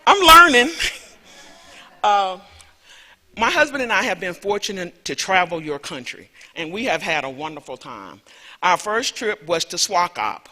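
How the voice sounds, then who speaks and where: A woman with a fairly low, sing-song voice, pushed and bright, speaks at a measured pace with a Southern US accent; she's from Alabama. As a visiting lecturer in a large, reverberant lecture hall, she delivers a chatty, rambling conference talk filled with self-deprecating asides.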